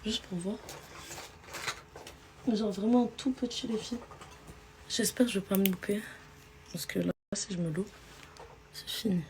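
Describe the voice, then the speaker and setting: A young woman vlogging to her phone, ranting bluntly in slangy casual chat with a low, deep voice, often dropping to a whisper. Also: normal speed, pauses often, darkish tone, slight background noise. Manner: blunt, ranting, slangy, addresses "les filles".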